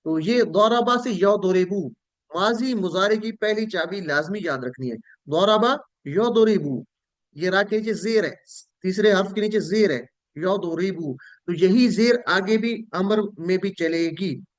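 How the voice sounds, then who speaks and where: High-voiced man teaching Arabic verbs online. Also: unhurried. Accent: Pakistani Urdu. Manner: drills students with call-and-repeat chanting. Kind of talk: online class teaching Arabic verb forms.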